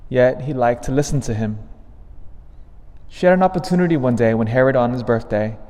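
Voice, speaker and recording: Priest with cathedral echo. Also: male voice, medium pitch, a little mellow. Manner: measured reading, then emphatic rising stresses. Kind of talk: Gospel reading and homily at Mass. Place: large church. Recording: long reverb of a large church.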